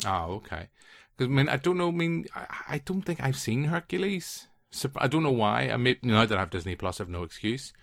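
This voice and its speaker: A man in his late thirties hosting a casual film podcast, telling stories with quick asides and lively restarts. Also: medium pitch, creaky, no echo, clean studio sound. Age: 30s. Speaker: podcast host.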